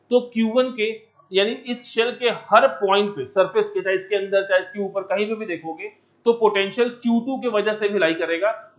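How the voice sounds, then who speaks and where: A man teaching physics in an empty classroom, energetic and coaxing, mixing English terms into Hindi and pressing students to answer. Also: sits high, lo-fi sound.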